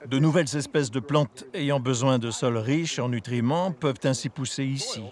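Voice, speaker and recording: A man speaking as a wildlife researcher, giving measured, articulate explanations for a documentary. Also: medium pitch, a little mellow.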